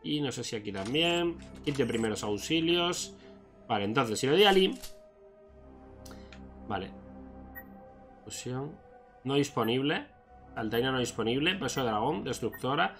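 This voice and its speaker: Bright-voiced man playing a game. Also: mid-range voice, lively intonation, measured pace, pauses often, faint music behind. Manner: thinks aloud, swears when surprised. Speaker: gaming YouTuber. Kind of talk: casual Let's Play commentary.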